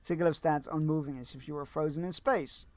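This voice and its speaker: A man's voice: a little high, steady tone, brisk, darkish tone, no echo. A man streaming a fantasy game, chatting sarcastically, swearing, laughing and reading quest text aloud. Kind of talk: casual live-stream commentary.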